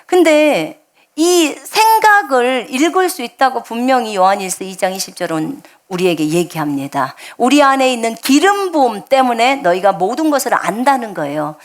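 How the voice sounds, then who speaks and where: Woman, middle-aged, missionary sermon, animated storytelling, lively pitch. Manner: animated storytelling, acts out quoted dialogue. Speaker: missionary preacher.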